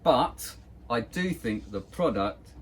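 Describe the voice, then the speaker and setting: A man in a mid-range voice weighs up a magic trick in a measured, conciliatory tone. He is recorded on a phone set on a tripod, with a faint hiss behind him. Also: mid-range voice, lively intonation. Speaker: magic shop review co-host. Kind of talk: casual review chat.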